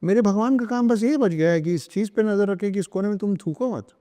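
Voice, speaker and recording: A man's voice: high voice, fairly quick, mellow. Emphatic man lecturing in a reverberant room. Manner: emphatic, lecturing, repeats phrases and slips into English. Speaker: podcast guest. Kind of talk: earnest podcast talk on spirituality and parenting.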